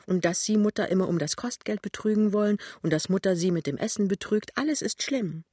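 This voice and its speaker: A woman reader voicing a young, earnest shop assistant, talking in quick, pleading bursts in an audiobook. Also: medium pitch, mellow, no echo, clean studio sound, voice pushed up, natural voice. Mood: earnest, lively. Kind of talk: audiobook reading.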